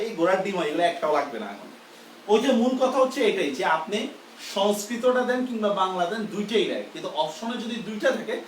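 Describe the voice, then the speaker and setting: A man's voice: high-pitched, echoey room, recorded from a distance, slight background noise, poor audio. A man teaches a grammar lesson live. He explains step by step and keeps asking whether the class understands.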